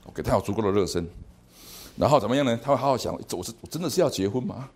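A man lecturing to a university class in a lively, animated way, often repeating words and asking the class questions. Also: medium pitch, fast. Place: lecture hall.

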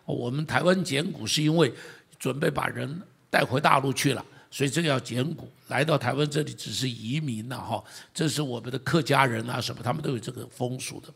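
Gravelly raspy Taiwanese Mandarin preacher man. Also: mid-range voice, brisk. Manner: animated preaching, asking the congregation questions. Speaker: pastor. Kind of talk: sermon.

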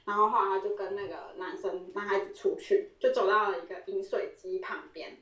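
A woman's voice: mid-range voice, fairly even intonation, a little fast, fairly bright tone, distant mic. A woman, co-hosting a podcast and telling a story in casual chat. She laughs often and acts out the quoted lines. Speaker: podcast co-host. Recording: roomy echo, voice set back from the mic.

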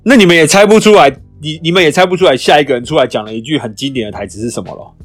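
A man's voice: a little high, faint music behind. A man co-hosting a casual podcast chat, retelling movie scenes with acted-out lines. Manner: fast, animated storytelling with acted-out movie lines. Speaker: podcast co-host.

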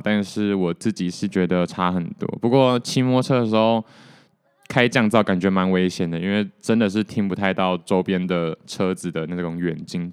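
A young man hosts a casual solo podcast, rambling and poking fun at himself. His voice sits very low and comes through smooth and resonant. The recording is dry and close, with no room sound. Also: no echo. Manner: relaxed, rambling, self-deprecating. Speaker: podcast host.

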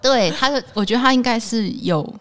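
Animated Buddhist nun telling a story. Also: female voice, on the high side, fairly quick. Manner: emotional, animated retelling with laughs. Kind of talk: personal storytelling in an interview.

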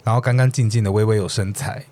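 A young man, a podcast co-host, telling a story in casual chat, acting out quoted lines with lively jumps in his voice. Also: quick pace. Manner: animated, acts out quotes with big pitch jumps.

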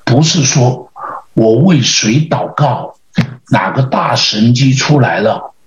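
A male pastor with a Taiwanese Mandarin accent, preaching through lively stories and acting out the dialogue. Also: medium pitch, takes it slowly. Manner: lively anecdotal, acts out dialogue. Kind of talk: storytelling sermon. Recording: roomy, slightly dull podcast audio.

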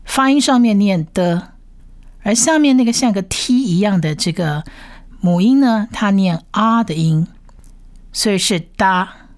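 A woman with a medium-pitched voice, recorded dry with clean studio sound, leads a slow, step-by-step lesson in reading Bible Hebrew. She patiently spells out the letters and repeats each sound multiple times.

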